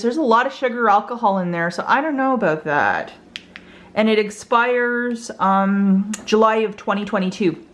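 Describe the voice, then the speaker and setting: Chatty excitable woman vlogger. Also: medium pitch, a little hiss or hum. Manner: chatty, excitable, laughs often. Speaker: couponing vlogger. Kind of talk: casual haul vlog.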